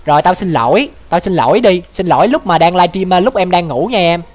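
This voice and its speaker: On a casual livestream, a man with a high voice reads viewer comments aloud and rants in a brash, crude, mock-exasperated manner. He talks quickly with lively intonation over soft background music.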